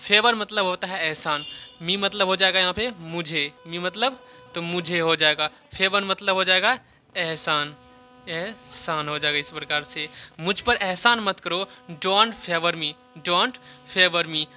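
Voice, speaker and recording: A man giving a spoken English lesson, slowly repeating example sentences and explaining each word's meaning step by step. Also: sits high, bright, forceful tone, soft background music. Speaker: English teacher.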